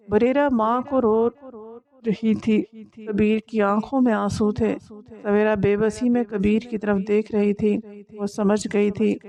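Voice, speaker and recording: A woman narrating a moral story in a steady, solemn way. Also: mid-range voice.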